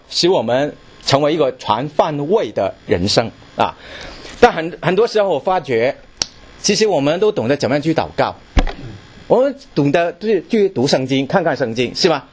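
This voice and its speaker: Lively-voiced male preacher. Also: fairly high pitch, husky. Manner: asks the congregation questions, repeats words. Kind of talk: sermon.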